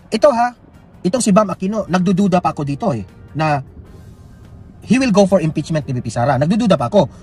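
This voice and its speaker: A Filipino man delivers fiery political commentary in a high, excitable voice that leaps up and down as he mocks and needles. Faint music runs under his talk. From Philippines. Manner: heated, mocking, pushes viewers to like and share. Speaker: news commentary vlogger.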